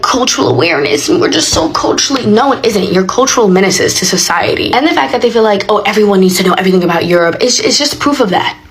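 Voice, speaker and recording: A woman's voice: mid-range voice, low-quality recording. An American woman ranting bluntly and with profanity in a casual social media video. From United States. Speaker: commentator.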